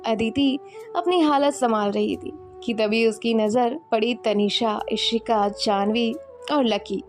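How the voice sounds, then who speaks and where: A woman's voice: a little high, fairly even intonation, slow, soft background music. A woman narrating a romantic story and voicing every character herself with light acting. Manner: voices all characters in the same lightly acted tone.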